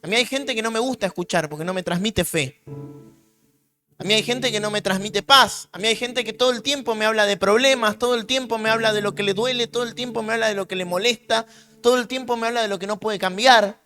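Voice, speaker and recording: A man's voice: high-pitched, a little fast, sharp tone, soft background music. A man preaching as a pastor with a Rioplatense Spanish accent, emphatic and repetitive in his sermon.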